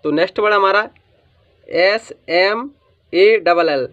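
A man teaching English reading in a phonics lesson, spelling out letters and asking questions he answers himself, sometimes drawing a word out slowly. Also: sits high, a bit bright. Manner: drawls some words slowly for emphasis. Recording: dull lo-fi sound.

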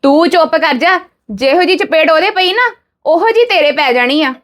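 A woman's voice: high-pitched, lively intonation, moderate pace, fairly bright tone. A woman with a Punjabi accent playing a devoted daughter who angrily scolds her brothers for how they have treated their mother. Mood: scolding. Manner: scolding, emphatic. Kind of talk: Punjabi family drama acting.

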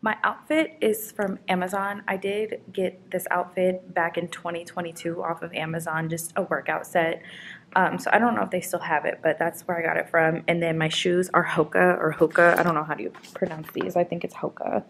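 A woman's voice: on the low side, flat delivery, brisk, fairly bright tone, a little hiss or hum. A young woman chatting casually to camera in a vlog, rambling with lots of fillers and talking while walking about. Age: young adult. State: out of breath. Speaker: vlogger.

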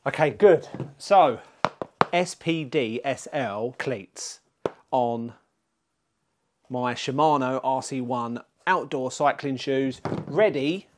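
A man's voice: mid-range voice, takes it slowly, background noise. A man, filming himself in a garage and then on a bike, talking to the camera in a chatty, self-mocking way. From England. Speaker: vlogger. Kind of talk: casual self-filmed vlog commentary. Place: garage, then outdoors cycling on roads. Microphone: action camera mounted on bike and chest.

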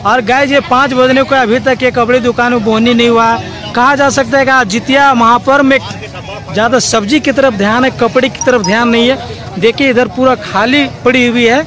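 A vlogger from Jharkhand, India, hosts casual commentary from a busy open-air village market, speaking Hindi mixed with English words. His very high-pitched voice has fairly even intonation and a moderate pace, recorded on a handheld phone at arm's length amid outdoor crowd noise and background music.

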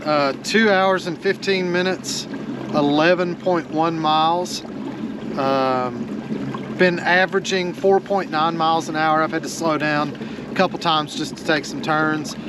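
A man in his forties hosting a casual fishing vlog outdoors on a kayak on a small lake, talking in a relaxed, chatty way with many fillers into a close-mounted action camera. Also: on the high side, unhurried, background noise. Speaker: fishing channel host. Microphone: action camera mounted close in front.

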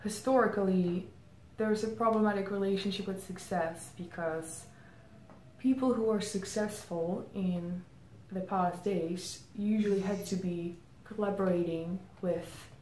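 A Czech woman who leads marketing is interviewed as a guest, giving reflective answers with thoughtful pauses and many "um"s. Her medium-pitched voice stays steady and mellow. Recorded indoors against a plain grey backdrop, the audio has a roomy echo and faint ambient noise.

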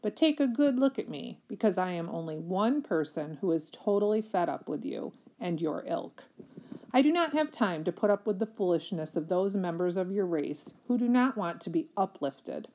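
A woman's voice: lowish voice, expressive, moderate pace, warm tone. Woman doing a stern, lofty foster mother. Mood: scornful. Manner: formal, scolding, lofty diction. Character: stern, haughty middle-aged foster mother.

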